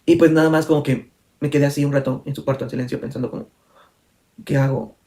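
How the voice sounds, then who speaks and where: A man's voice: fairly high pitch, steady tone, rapid-fire, dark tone. A young man telling a personal story in a candid vlog, full of fillers and self-corrections. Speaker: vlogger.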